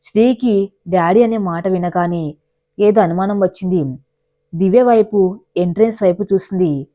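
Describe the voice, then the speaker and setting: A woman's voice: mid-range voice, moderate pace, lo-fi sound. Telugu woman narrating a dramatic story.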